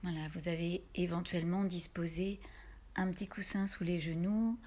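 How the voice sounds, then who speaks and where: Leading a guided yoga relaxation, a woman speaks softly and breathily in a lowish voice with a steady tone, offering calm, unhurried directions broken by pauses.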